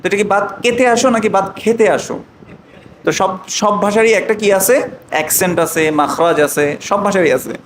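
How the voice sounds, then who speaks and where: A man teaching an online Arabic lesson, drawing out slow model phrases and often asking the students check questions. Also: high-pitched, reverberant, slight background noise, low-quality recording.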